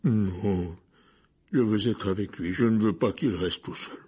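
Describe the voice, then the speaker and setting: A man voicing a big, soft-hearted male gamekeeper, gruff and emotional, in an audiobook. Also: lowish voice, unhurried, voice pushed down.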